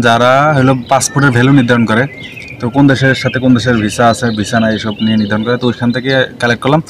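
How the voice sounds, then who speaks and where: A man's voice: medium pitch, noisy background. A man giving casual visa information, rambling and self-correcting as he reels off long lists of country names. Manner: hesitant and self-correcting, with many fillers. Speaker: travel and visa info vlogger.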